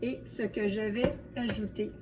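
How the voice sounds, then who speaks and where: A woman with a Quebec French accent hosts a casual cooking video as a home cook, chatting to viewers as if they were friends. Her voice is medium-pitched and unhurried, with fairly even intonation. The mic is distant and there's light background noise.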